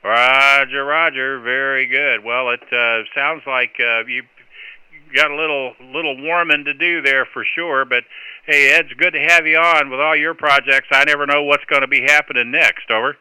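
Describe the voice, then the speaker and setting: A man's voice: medium pitch, steady tone, moderate pace, pushed and bright, clear, resonant tone, no echo, rough recording. A man working as an amateur radio net controller, speaking in courteous, procedural marine radio style with phonetic call signs.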